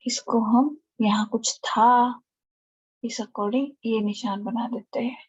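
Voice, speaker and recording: Female teacher, higher voice, patient step-by-step explainer, muffled lo-fi class audio. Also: darkish tone, husky. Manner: explaining step by step, checking in with students. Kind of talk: online lecture.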